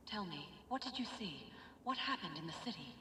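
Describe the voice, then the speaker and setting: A woman's voice: medium pitch, lively intonation, fairly quick, bright, forceful tone, roomy sound, big-room sound, a little hiss or hum. A woman playing an earnest, cautious novice scholar in a video game, polite and formal. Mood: gently urging. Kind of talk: scripted game acting.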